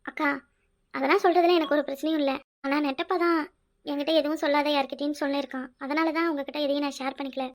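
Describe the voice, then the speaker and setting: A woman voicing a cartoon role in a high, childlike voice, pleading and tearful. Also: steady tone, quick pace. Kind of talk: cartoon voice acting, several roles.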